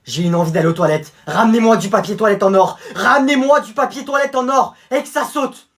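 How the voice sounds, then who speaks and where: A man's voice: mid-range voice, moderate pace, voice pushed down, lightly acted. A man voicing an arrogant prince who boasts about being the richest in the world. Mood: pompous. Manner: pompous, boastful.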